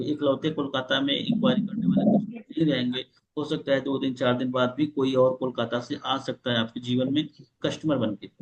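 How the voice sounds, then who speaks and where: Over a muffled video call recording, a man with a mid-range voice runs a live sales training online. He teaches how to reach out to old leads, acting out both caller and prospect and asking the same questions again as examples.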